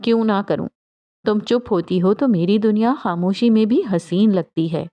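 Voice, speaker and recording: A woman's voice: mid-range voice, lo-fi sound, close to an everyday voice. A woman reading a teasing young fiancé. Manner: gentle joking banter.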